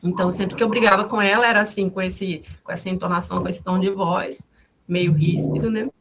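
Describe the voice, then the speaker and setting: A woman's voice: lowish voice, steady tone, fairly quick, fairly bright tone, a little hiss or hum. A woman in her fifties, the mother of the victim, recounting events in a testimony. She speaks hesitantly, repeats herself and restarts often, and calls her own way of talking harsh.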